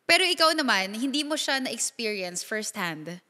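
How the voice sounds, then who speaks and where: Filipino woman, podcast co-host, lively pitch, long room reverb. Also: normal speed. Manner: animated, laughs often, mixes languages. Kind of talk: casual chat.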